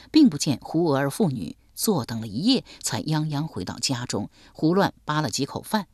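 A woman narrating a historical novel aloud in an expressive storytelling voice. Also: sits low, breathy edge, no echo, clean studio sound. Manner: expressive, shifting voices for characters.

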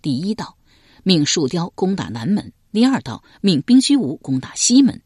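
Lively husky male storyteller. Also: high voice, moderate pace, no room sound, studio quality. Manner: lively dramatic telling with many voiced characters. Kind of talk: historical novel narration.

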